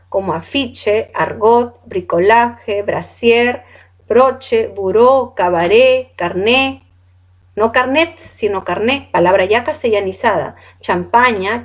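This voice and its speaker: Woman teacher, fairly high voice, slow and deliberate, lists loanwords and corrects pronunciation. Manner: asks students questions. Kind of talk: classroom lecture.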